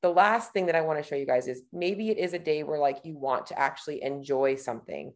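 A woman's voice: low voice, fairly quick. A woman in her thirties, a nutrition coach, talking casually and thinking aloud as she clicks through a screen-share tutorial over a webcam.

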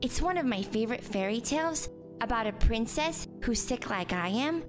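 An eager, curious little girl who is ill, voiced by a woman, with a fairly high, lively voice that rises and falls with each question. Music plays clearly beneath her. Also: normal speed, lightly acted. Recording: music bed underneath.

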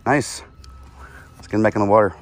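A man filming himself from a kayak on a lake with a head-mounted action camera, chatting casually while he fishes and getting excited when a fish bites. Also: on the low side, brisk, faint music behind. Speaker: fishing vlogger.

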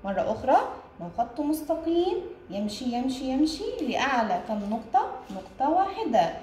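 A woman's voice: sits high, big pitch swings, warm tone, far from the mic, slight background noise. Sing-song woman teaching small children. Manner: slow, sing-song teacher talk with lots of praise, mixing in English words. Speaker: kindergarten Arabic teacher. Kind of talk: distance-learning lesson for young children. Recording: very echoey room with faint ambience.

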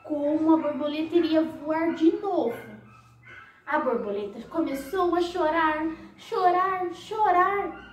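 A woman's voice: high voice, measured pace, a little mellow, echoey room, recorded from a distance, a little hiss or hum. A woman, a nursery teacher, telling a children's story to toddlers in an exaggerated sing-song manner.

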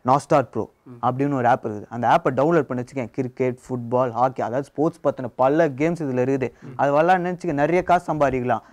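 A young man playing a pushy student hustler who rents out fake parents, calling out loudly in a comedy sketch. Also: mid-range voice, faint music behind, close to an everyday voice. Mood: persuasive. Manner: shouting hawker calls, fast and pushy. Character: loud fast-talking male student hustler renting fake parents. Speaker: rent-a-parent hawker. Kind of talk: Tamil comedy sketch acting.

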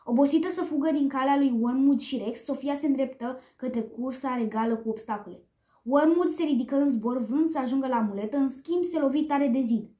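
High-voiced woman reading a children's story. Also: dark tone. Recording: echoey room.

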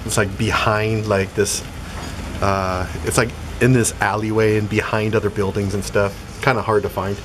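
A middle-aged man vlogging casually from a small pub, talking in a relaxed, rambling way full of ums and uhs, filmed on a handheld camera at arm's length. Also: lowish voice, normal speed, background noise. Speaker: travel vlogger. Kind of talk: casual travel vlog. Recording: loud music behind.

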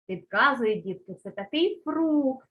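Slow, sing-song woman teaching young children. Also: sits high, animated, dull audio. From Ukraine. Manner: drawn-out stress on key words, coaxing questions. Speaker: primary school teacher.

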